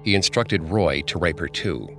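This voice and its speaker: A man narrating a scripted true-crime story in a steady, grave manner. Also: low voice, normal speed, faint music behind. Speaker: podcast narrator.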